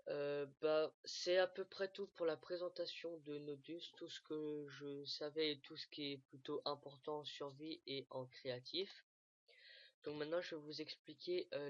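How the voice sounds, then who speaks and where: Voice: mid-range voice, no room sound. A speaker walking viewers through a game tool in a casual screen-recorded tutorial, hesitating often, with many fillers and restarts. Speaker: gaming tutorial maker. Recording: dull lo-fi dry mic.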